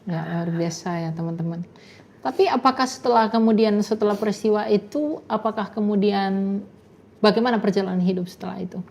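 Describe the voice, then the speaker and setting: A woman hosting an interview, offering quiet murmurs of agreement and asking gentle questions. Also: medium pitch, brisk. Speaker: interviewer host.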